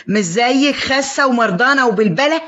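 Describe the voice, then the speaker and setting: An actress playing a fussy, doting middle-aged mother who talks fast and scolds affectionately, in Egyptian Arabic. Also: high-pitched, animated, a bit bright, highs cut off. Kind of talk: old film dialogue.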